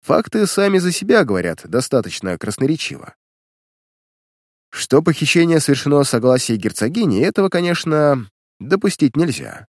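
A man voicing a calm adult detective who speaks dryly and curtly in a storybook reading. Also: a little high, normal speed, no room sound, voice pushed up. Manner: calm, dry and curt. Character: calm, dry-spoken adult male detective.

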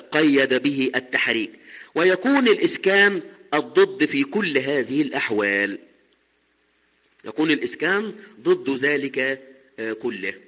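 Bright-voiced male teacher, slow and repetitive. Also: a little high, in a large hall, muffled recording. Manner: explains step by step, repeating key terms; chants quoted verses slowly. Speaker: teacher of Quran recitation. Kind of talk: recorded lesson explaining verse.

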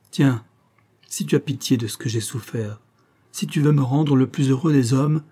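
A man's voice: mid-range voice, dark tone, breathy edge, natural voice. A man voicing a jealous, tearful young man in love in an audiobook, speaking in an impassioned, imploring way.

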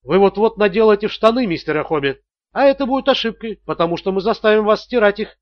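A man's voice: sits high, animated, fast talker, no room sound, highs cut off, pitched above the performer's own voice. A man voicing a menacing, mocking male extortionist in an audiobook thriller, cool and sneering. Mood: coolly menacing. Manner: coolly mocking, bursts into screams. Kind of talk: audiobook character voice.

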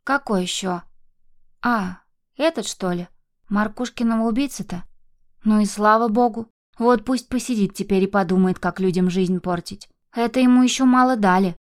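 A woman's voice: mid-range voice, moderate pace, close to an everyday voice. A woman voicing an anxious old grandmother who scolds and laments over her granddaughter. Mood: pleading, indignant. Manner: agitated, lamenting, exclamatory.

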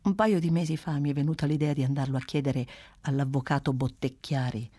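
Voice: mid-range voice, steady tone, fairly quick, dark tone, slightly rough, no room sound, natural voice. A reader doing a polite young man teacher.

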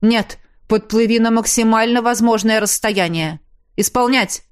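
A woman voicing an urgent young noble husband who gives brisk, commanding orders. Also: sits high, clear, resonant tone. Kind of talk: audiobook character voice.

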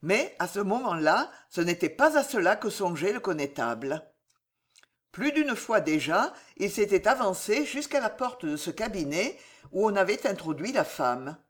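A woman narrating a historical novel in an audiobook, in a measured, expressive manner. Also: medium pitch.

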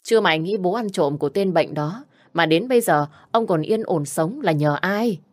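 Woman reading a sneering older sister, low voice. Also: expressive, moderate pace, no echo, studio quality. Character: scornful older sister, harsh and mocking.

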